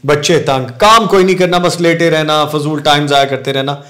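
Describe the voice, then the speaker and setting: A man's voice: a little high, steady tone, moderate pace, bright, forceful tone. A man hosting a talk show, agreeing often and adding follow-up questions for his guest. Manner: agreeable, chimes in with short affirmations and follow-up questions. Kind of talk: interviewing, prompting the guest.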